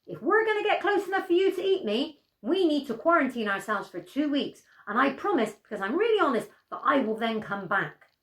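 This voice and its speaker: A woman's voice: sits high, big pitch swings, brisk, few pauses, a bit bright, voice pushed up. A woman voicing a plucky, wide-eyed little girl in a bedtime fairy tale. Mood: bargaining.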